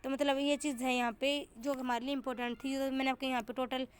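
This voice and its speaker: A woman's voice: high voice, flat delivery, quick pace, a little hiss or hum. A young woman tutoring for an exam in a casual explanatory lesson, often repeating and restarting as she explains and mixing in English terms.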